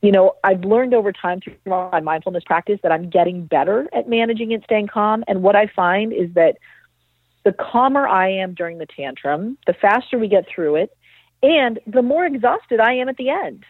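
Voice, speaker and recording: A woman's voice: medium pitch, animated, normal speed, no echo. A woman who is a social worker, a guest in a conversational interview, talking candidly with self-deprecating examples. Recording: tinny phone-line sound.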